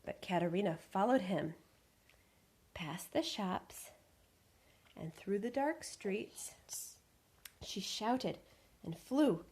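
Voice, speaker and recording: A woman reading a picture book aloud in an expressive, animated way. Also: mid-range voice, takes it slowly, pauses often, slightly rough. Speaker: storyteller.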